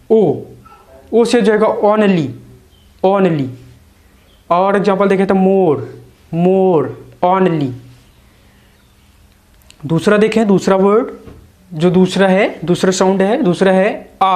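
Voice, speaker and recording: A man with an Indian accent teaching English letter sounds, repeating each sound and example slowly. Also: sits high. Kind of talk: spoken English phonics lesson.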